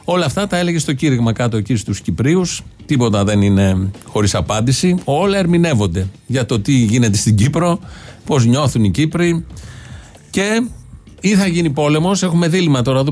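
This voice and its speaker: A man's voice: fairly high pitch, animated, darkish tone. A male host delivers sardonic commentary, mocking his subjects with dry irony. Faint music sits under his voice. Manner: mocking, ironic asides. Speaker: satirical show host. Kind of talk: sarcastic commentary.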